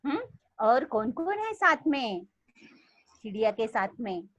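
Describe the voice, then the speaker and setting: A woman's voice: fairly high pitch, sing-song, measured pace, fairly bright tone, dry recording, dull audio. A woman leading an online teacher training session on a video call, reading storybook lines aloud expressively.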